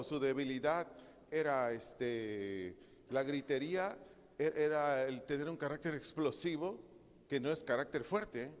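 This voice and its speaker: Pastor mexicano en sala con eco. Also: male voice, a little high. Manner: conversational, questions the congregation. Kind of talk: sermon Bible study. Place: church hall. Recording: reverberant church hall.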